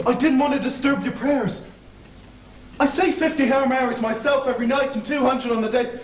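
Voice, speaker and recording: A man's voice: extremely high pitch, steady tone, moderate pace. A young man playing a fawning, anxious convict in a stage play, stammering and rambling, heard from far off on an echoey stage. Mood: apologetic. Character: fawning anxious male Irish convict hangman. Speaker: student actor.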